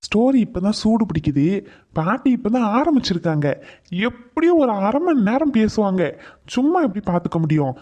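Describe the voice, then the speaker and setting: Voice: mid-range voice, very animated, a little fast, a little mellow. A performer voicing a sarcastic young man in a cartoon who teases and threatens his friend. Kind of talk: cartoon voice acting.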